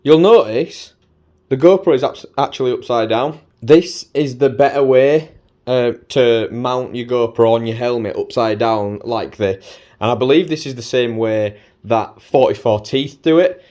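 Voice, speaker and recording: A British man with a mid-pitched voice talks through equipment in a casual vlog style. His delivery is chatty and informal. He leans on cheeky slang as he presents. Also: measured pace, darkish tone. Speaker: motovlogger presenting gear. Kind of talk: casual chatty gear walkthrough.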